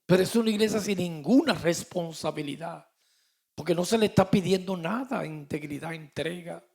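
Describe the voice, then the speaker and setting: Preacher guy in his 50s, gravelly, kinda high voice, goes from mumbly asides to loud. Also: moderate pace. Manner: swings from quiet asides to loud emphatic declarations. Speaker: pastor. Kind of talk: sermon.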